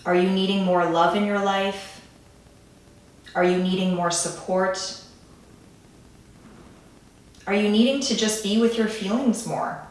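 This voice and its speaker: A woman leading a calm grounding meditation in a gentle, soothing way, with pauses between phrases. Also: mid-range voice. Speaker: meditation guide. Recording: echoey room, distant from the mic.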